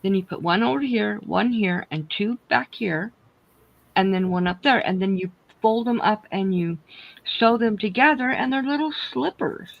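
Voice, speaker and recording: A woman's voice: mid-range voice, normal speed, creaky, dull audio. A woman hosting a casual crochet livestream, chatting in a rambling way, speaking without her teeth in. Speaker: host of a crochet chat livestream.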